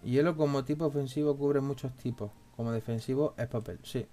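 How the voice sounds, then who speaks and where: A man's voice: mid-range voice, fairly even intonation, brisk, warm tone, soft background music. A man casually chatting during a video game session, laughing often and checking choices with his partner. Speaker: let's play co-host. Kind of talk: casual gaming chat.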